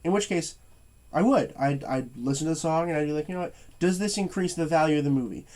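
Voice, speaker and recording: A young man rants casually while reviewing movies, sounding tired and stuffy-nosed as he stutters, halts and restarts sentences amid many fillers. His voice is fairly high-pitched with a darkish tone.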